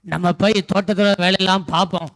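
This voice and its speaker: A man's voice: high voice, steady tone, quick pace, a bit bright. A man voicing an anxious farmer in a puppet show, calling out warnings and lamenting his lost goat. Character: fretful farmer, goat's owner.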